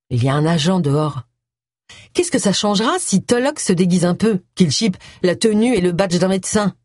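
A woman voicing a sharp-tongued, grumpy middle-aged amateur sleuth in an audiobook, blunt and acerbic. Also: mid-range voice, husky, no echo, clean studio sound.

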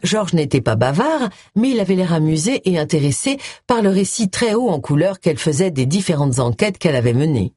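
An audiobook reader doing scripted narration with an expressive, lively delivery. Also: mid-range voice, a little fast, hardly any pauses, slightly rough, no echo, studio quality.

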